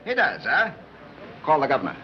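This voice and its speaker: An actor playing an indignant, blustering city mayor who gives brisk orders. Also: male voice, medium pitch, huge pitch swings. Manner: brisk, commanding. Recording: dull old 1930s film soundtrack, faint hiss.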